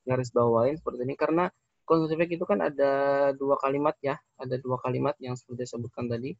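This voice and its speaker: Indonesian guy teaching english, slow and repeats stuff, dry dull recording. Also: medium pitch, fairly even intonation, creaky, no room sound. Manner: explains slowly, repeating phrases, with fillers. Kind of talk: recorded classroom lesson.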